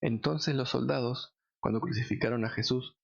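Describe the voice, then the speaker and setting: A man reading scripture aloud in a measured, solemn way. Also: mid-range voice, fairly even intonation, creaky, muffled recording. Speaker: Bible reader.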